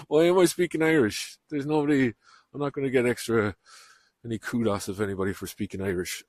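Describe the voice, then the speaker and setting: A man's voice: mid-range voice, steady tone, moderate pace, pauses often, no room sound, studio quality. Rambling man hosting a podcast. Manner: rambling, chatty, self-deprecating. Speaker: podcast host. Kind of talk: casual podcast outro. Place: outdoors on a walk.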